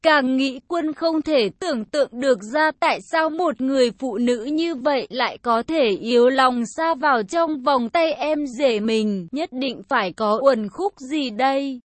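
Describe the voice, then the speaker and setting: A woman's voice: sits high, measured pace, hardly any pauses, dry recording. A woman narrating an audio story as a storyteller, with a dramatic reading manner.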